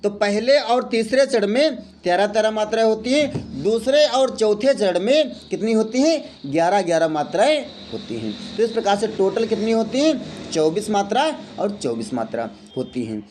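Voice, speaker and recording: High-voiced man teaching, counting aloud. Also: animated, normal speed, a little mellow, slight background noise. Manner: explains step by step, counting aloud and asking then answering his own questions. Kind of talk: Hindi grammar lesson.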